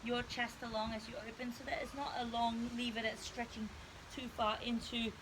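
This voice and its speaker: A woman's voice: fairly high pitch, flat delivery, moderate pace, background noise. A woman instructing a guided stretching workout, explaining each movement step by step.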